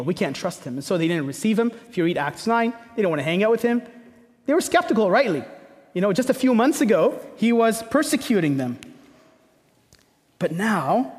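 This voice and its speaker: With a high but darkish voice, this Egyptian man delivers a sermon as a pastor, speaking conversationally and driving points home through repetition and rhetorical questions. Long reverberation from a hall fills the audio.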